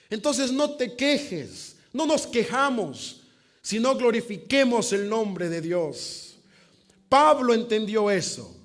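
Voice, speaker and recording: A man preaching an evangelistic sermon as pastor, dramatic, asking the congregation questions. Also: very high voice. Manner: dramatic, asks the congregation questions and acts out quotes. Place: church.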